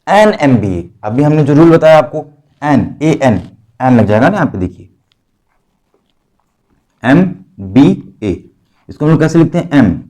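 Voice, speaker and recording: A man's voice: fairly high pitch, dark tone. A male teacher giving an exam-prep grammar lesson, asking the class rhetorical questions and spelling words out letter by letter.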